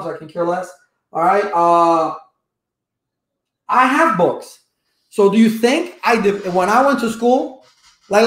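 High-voiced with a roomy sound, a man in his fifties born in Cuba, Spanish his first language, livestreams casually from a home office webcam. He teaches network engineering, and his manner is lively, full of gestures and rhetorical questions.

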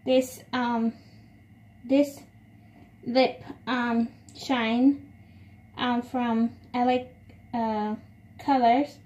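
High-voiced young woman, unhurried. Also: creaky, a little mellow. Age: young adult. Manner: hesitant, repetitive self-narration while doing a task. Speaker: beauty vlogger. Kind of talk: casual makeup tutorial chat. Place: small room at home, indoors. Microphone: phone propped at arm's length. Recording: faint background noise, home phone recording.

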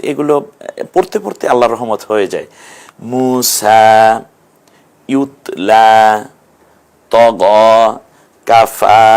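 A man's voice: mid-range voice, a little mellow. Patient male Quran recitation teacher. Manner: patient explaining, breaks into chanted recitation of verses. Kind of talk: online tajweed lesson.

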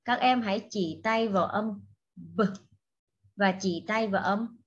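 A woman teaching an English lesson to young children, speaking slowly and patiently and repeating each word for the class to echo. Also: medium pitch, slightly rough, dull audio. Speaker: primary school English teacher.

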